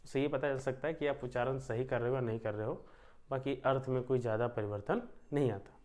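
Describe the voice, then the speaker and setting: A young man teaching an online class, explaining step by step with filler pauses and frequent check-ins. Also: mid-range voice, fairly even intonation, darkish tone. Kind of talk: online lecture.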